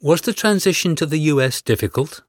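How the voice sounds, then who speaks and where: A man reading a scripted interview with measured, announcer-like delivery, introducing each extract and asking the questions. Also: on the high side, lively intonation, no room sound, studio quality. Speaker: interviewer and exam narrator.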